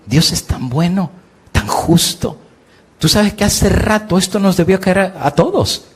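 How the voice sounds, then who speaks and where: Husky-voiced man preaching. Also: expressive, measured pace. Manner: preaching with sweeping rises and drops in pitch and volume; asks the listener questions and answers them himself. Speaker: pastor. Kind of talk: sermon.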